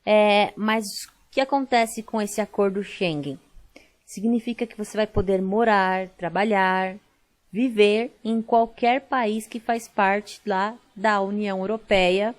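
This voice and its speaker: A woman's voice: medium pitch, fairly even intonation, slow. A young Brazilian woman teaching an online school lesson, chatty and explaining step by step with frequent fillers.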